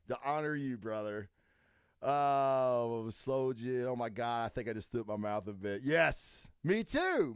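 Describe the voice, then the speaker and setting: A man's voice: medium pitch, no room sound, clean studio sound. A man, hosting a solo podcast and rambling through profane stories while answering his live chat. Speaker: podcast host.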